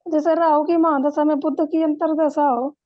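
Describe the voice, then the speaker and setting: A woman's voice: high voice, flat delivery, normal speed, muffled recording. A woman student in an online class, repeating her question to the teacher. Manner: presses her question again.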